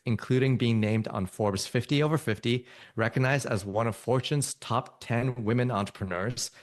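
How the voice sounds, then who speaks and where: A man hosting a podcast interview, reading a guest introduction in a friendly manner. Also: medium pitch. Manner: read-aloud introduction, friendly. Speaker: podcast host.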